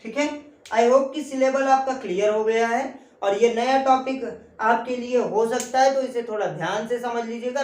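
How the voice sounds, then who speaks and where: A woman's voice: fairly high pitch, darkish tone. A woman teaching English grammar in an online lesson, asking the class a question after each point and answering it herself. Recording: echoey room.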